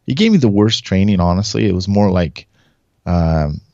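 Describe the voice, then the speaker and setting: A man's voice: deep voice, animated, moderate pace, warm tone, dry recording, muffled recording. A man in his forties from Southern California, a podcast guest who rambles through stories, laughs often and acts out what people said. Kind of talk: casual storytelling.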